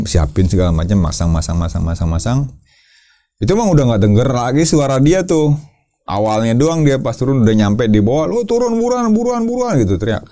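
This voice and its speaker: Low, mellow man telling a story. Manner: lively, repeats words, acts out shouts with a jump in pitch. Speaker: caving team leader telling his story as a guest. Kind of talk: casual storytelling to an interviewer.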